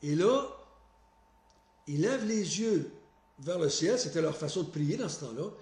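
High-voiced preaching man, echoey hall. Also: animated, a little mellow. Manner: earnest preaching, reads scripture slowly, rises in pitch to stress points. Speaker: pastor. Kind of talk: sermon with Bible reading.

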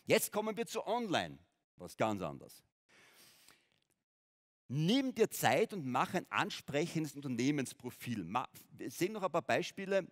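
A man's voice: fairly high pitch, big pitch swings, unhurried. A middle-aged man giving an informal keynote talk to a conference audience, often checking in with them. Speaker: conference speaker. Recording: reverberant conference hall.

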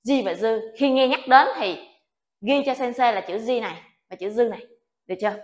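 A woman's voice: on the high side, moderate pace. A woman teaching an online Japanese alphabet lesson, patient and coaxing, often checking that her students follow. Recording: echoey room.

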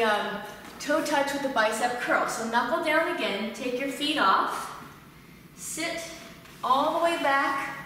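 A woman in her thirties, a fitness instructor, calmly cueing breathing and form while demonstrating exercises in a large tiled living room. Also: on the high side, slight background noise. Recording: echoey room from far off.

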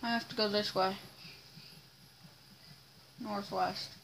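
A woman's voice: medium pitch, steady tone, takes it slowly, creaky, a bit bright, slight background noise, rough recording. A woman giving casual commentary while playing a video game, talking to herself in an exasperated way. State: hiccuping. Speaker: gamer playing on a channel.

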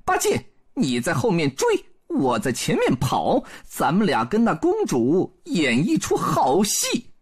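A cocky, clever monkey king, as a male storyteller puts him on, bragging in a high, springy voice. The pitch bounds up and down with a husky grain. It comes straight from a spoken storybook. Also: huge pitch swings, measured pace, hardly any pauses, full character voice. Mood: scheming.

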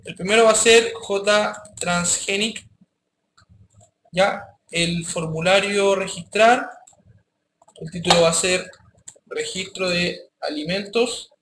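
Man, programming teacher, high bright voice, echoey classroom. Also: takes it slowly, long pauses. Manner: casual, addresses students directly with frequent checks. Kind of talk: live classroom coding lesson. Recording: echoey classroom with faint noise.

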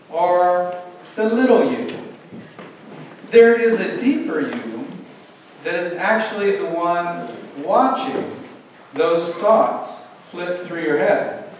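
A middle-aged man, a priest, preaching a calm, reflective sermon with pauses from a pulpit in a large church. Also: high voice, slight background noise. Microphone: pulpit microphone, far camera. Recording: very echoey church from far off.

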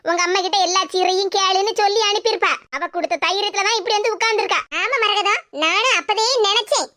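Cartoon granny: very high, bright, sharp-tongued, Tirunelveli accent. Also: female voice, fairly even intonation, quick pace, dry recording, clean studio sound. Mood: scheming. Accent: Tirunelveli Tamil. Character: scolding old village grandmother, sharp-tongued. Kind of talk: cartoon voice acting.

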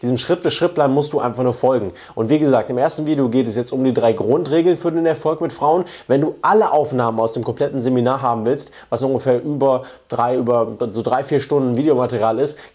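A young man, a dating coach, talking to viewers and then giving a seminar talk, lively and acting out the people he quotes. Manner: animated, acts out quoted clients in a higher voice. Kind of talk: seminar talk and video intro.

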